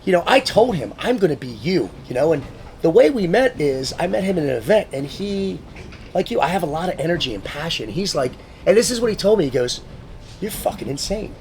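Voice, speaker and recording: A man telling stories in a casual sit-down conversation, animated and profane, acting out what others said. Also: on the high side, a little fast, slight background noise. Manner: swearing, animated storyteller who acts out quotes. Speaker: guest, motivational speaker.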